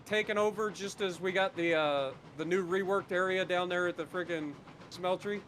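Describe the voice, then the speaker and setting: A man's voice: high voice, fairly even intonation, normal speed, fairly bright tone, slight background noise. A man streaming a train game, chatting casually and swearing now and then. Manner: laid-back, swears casually. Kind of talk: casual gameplay chat.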